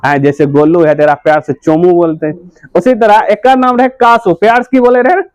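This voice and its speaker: Male teacher, Bihari accent, very high voice, drills with self-answered questions, dry close sound. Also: fairly even intonation, moderate pace, dry recording. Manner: asks quiz questions and answers them himself; repetitive, drilling key points. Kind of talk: classroom lesson explaining a story.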